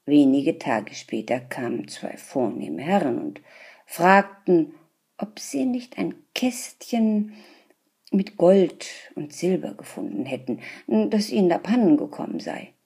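A woman tells a fairy tale slowly and softly, often sinking to a whisper. Her voice is husky and rather low, and it rises and falls widely in pitch. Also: very animated. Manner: soft, drops into whispers. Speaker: storyteller.

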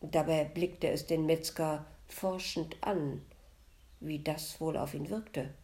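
A woman reading a folk tale aloud, narrating softly and often in a near whisper. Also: sits low, fairly even intonation, takes it slowly. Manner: soft, half-whispered narration. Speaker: storyteller. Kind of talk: storybook reading.

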